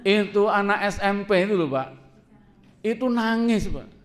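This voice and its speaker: A man preaching to a congregation in a lively, conversational way, asking his listeners questions and laughing along with them. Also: high voice, a little slow. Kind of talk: sermon to a congregation.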